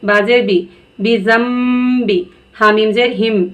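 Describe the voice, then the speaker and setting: A woman teaching Quran reading, spelling out letters slowly and patiently before blending them into words. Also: medium pitch, steady tone, a bit bright. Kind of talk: slow spelled-out recitation lesson.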